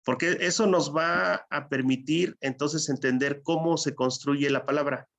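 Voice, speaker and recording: A man's voice: a little high, steady tone, a little slow, gravelly, fairly bright tone. A Purépecha-speaking man, lecturing a class in an explanatory way and checking with students as he goes. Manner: explanatory, asks the class to follow. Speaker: teacher.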